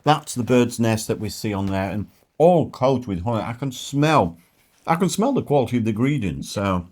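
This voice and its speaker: A middle-aged man chats casually as he co-hosts a travel vlog. He talks through food with his mouth full, in an easy, mid-pitched voice. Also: lively intonation, moderate pace, darkish tone. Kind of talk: casual food tasting chat.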